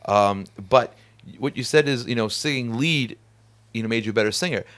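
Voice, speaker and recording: A man's voice: mid-range voice, normal speed. Chatty man hosting a studio talk. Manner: talkative, animated, laughs often. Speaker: podcast host. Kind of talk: casual chat.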